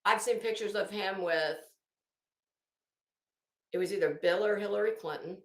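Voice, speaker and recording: In an echoing, roomy space, a woman with a mid-range voice speaks at a moderate pace. As an online host she rambles through gossipy, opinionated commentary, stretching stressed words for emphasis.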